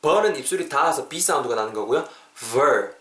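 A man hosting a podcast English lesson, playful, who slows right down to spell out English phrases. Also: mid-range voice, very animated, a bit bright, echoey room. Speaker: English teacher and podcast host.

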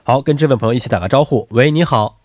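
A man's voice: mid-range voice, racing, a little mellow, no room sound, clean studio sound. A man hosting a quiz show in a chatty, teasing way, talkative and often adding tag questions.

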